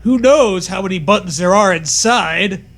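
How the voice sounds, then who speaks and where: A man's voice: high voice, moderate pace, fairly bright tone. A man reading a silly story aloud and adding dry, mock-earnest jokes. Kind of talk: comedic story reading with banter.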